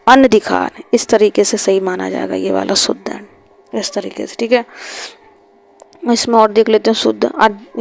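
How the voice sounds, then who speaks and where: A woman teaching an exam-prep Hindi spelling lesson over a screen recording. She repeats each word and keeps asking quick check questions. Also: mid-range voice, vocal fry, a little mellow. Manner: repeats words and asks quick rhetorical checks.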